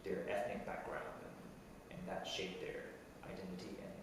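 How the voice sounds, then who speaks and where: A man from Taiwan, a musician in an interview, speaking in a soft-spoken and thoughtful way. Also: deep voice, completely flat delivery, normal speed. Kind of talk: casual conversational interview. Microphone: video call. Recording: echoey room, distant mic, audible noise.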